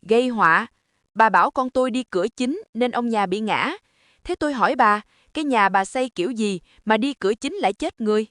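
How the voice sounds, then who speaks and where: A woman's voice: fairly high pitch, fairly quick, fairly bright tone, dry recording, clean studio sound, natural voice. A woman voicing a cold, firm middle-aged mother confronting her in-law in a narrated story. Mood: icy. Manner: icy, cutting.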